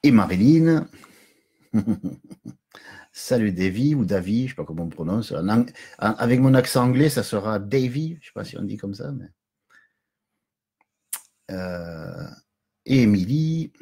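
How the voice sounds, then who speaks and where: A man's voice: lowish voice, big pitch swings, unhurried, long pauses, mellow, slightly rough. A middle-aged man hosting a casual live stream from home, chatty and jokey, greeting viewers and chuckling often.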